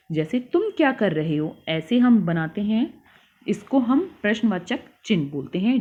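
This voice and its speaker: A woman's voice: mid-range voice, warm tone. A young woman teacher taking children through a worksheet lesson, patient, explaining and repeating things. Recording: tinny phone-like sound.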